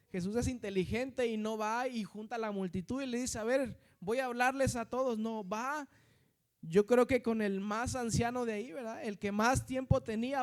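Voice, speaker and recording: High-voiced northern Mexican preacher. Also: male voice. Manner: conversational preaching, constant tag questions and addressing the brethren. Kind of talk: sermon.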